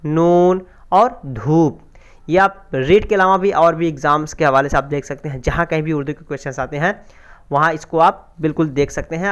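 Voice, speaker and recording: A man's voice: a little high, a bit bright, clean tone. A man teaching an exam preparation grammar lesson, explaining step by step and asking and answering his own questions. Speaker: Urdu language teacher.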